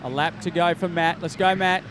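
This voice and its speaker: A man's voice: a little high, steady tone, normal speed, background noise. A man giving upbeat live commentary at a race finish, calling names and results. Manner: upbeat, calls names and results, says mate often. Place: outdoor race finish area.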